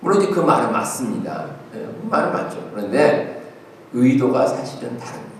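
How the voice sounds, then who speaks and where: A man's voice: mid-range voice, expressive, fairly quick, slight background noise. A male pastor giving a conversational sermon with fillers and rhetorical questions. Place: church sanctuary. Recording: echoey church hall, mic at a distance.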